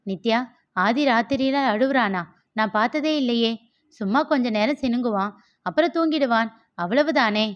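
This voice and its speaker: A woman's voice: fairly high pitch, normal speed, natural voice. A woman voicing a hurt, brooding young husband who asks troubled questions in a story reading. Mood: questioning. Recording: dull lo-fi.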